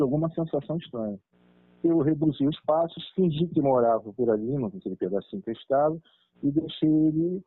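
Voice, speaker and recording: A man's voice: fairly high pitch, dry recording. Man telling a story over a tinny line. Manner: lively, chuckling, acts out dialogue. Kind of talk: personal spiritual storytelling. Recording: tinny dry phone-like line.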